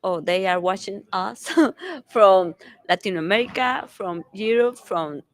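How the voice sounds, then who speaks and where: A woman's voice: medium pitch, unhurried. A middle-aged woman with a Mexican accent, a native Spanish speaker, answers interview questions in English, hesitating, searching for words and laughing often. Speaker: interview guest, company founder. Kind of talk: casual conference interview.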